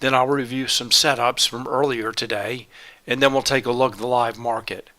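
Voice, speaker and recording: With a medium-pitched, steady voice at normal speed, this man sounds bright and forceful while presenting a live trading webinar. He goes step by step, listing things plainly. A cold has left his voice a little congested and his throat sore.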